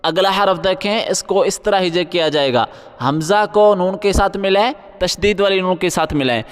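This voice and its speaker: A man teaching Quran reading with tajweed, spelling out syllables and chanting words slowly, then explaining the rules quickly. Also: high voice, clean tone, long reverb tail.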